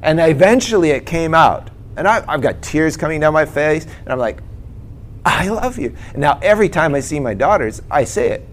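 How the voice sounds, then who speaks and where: Middle-aged guy telling his own story on a church talk, kinda high voice, keeps saying right? okay?, faint rumble behind. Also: expressive, fairly quick, hardly any pauses. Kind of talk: personal testimony, conversational.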